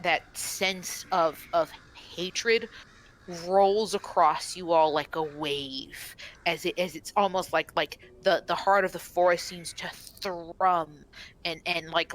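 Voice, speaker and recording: A woman narrating a tabletop game as game master, halting and full of fillers and restarts. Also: deep voice, fairly bright tone, poor audio.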